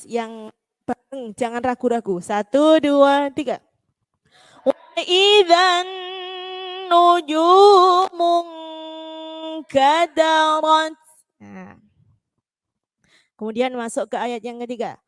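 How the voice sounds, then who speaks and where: A woman teaching a Quran recitation lesson online, repeating syllables and chanting verses slowly for students to follow. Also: fairly high pitch, a little mellow, no room sound. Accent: East Javanese.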